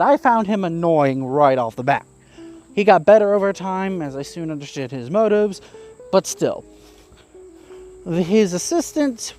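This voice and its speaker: A man's voice: a little high, a little mellow. A man giving a casual, candid spoken review, chatty and plain-spoken with the odd curse. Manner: candid and chatty, with frequent fillers and mild swearing. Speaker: YouTube reviewer.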